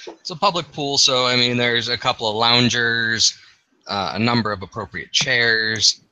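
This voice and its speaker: A man running a tabletop game as game master, describing the scene haltingly with fillers. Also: mid-range voice, sharp tone, clean tone, no echo, rough recording. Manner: halting, thinking aloud with fillers.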